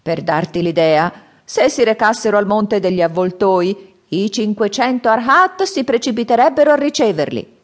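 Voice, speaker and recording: Woman doing a creaky-old-guy voice, high and stretched out, storybook elder. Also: moderate pace, natural voice. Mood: mocking. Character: old man with a staff, warning and boastful.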